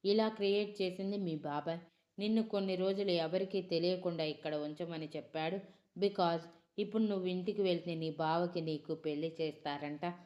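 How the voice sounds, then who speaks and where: A woman voicing a smug, scheming young man who answers calmly in a storybook. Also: on the low side, normal speed, dull audio, lightly acted. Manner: calm, smug replies.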